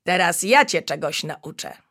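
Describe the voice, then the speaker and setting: A lazy young tiger cub who mutters and grumbles, drawing out his words, as a woman puts him on. He talks slowly, with a lively, swinging pitch. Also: heavily acted. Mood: content. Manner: grumbling, unwilling, drawn-out.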